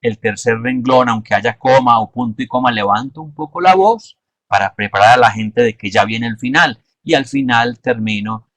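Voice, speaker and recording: Man, instructional talk, measured explaining, middle pitch, dry close sound. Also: a bit bright, no room sound. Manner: measured and explanatory, stressing key points.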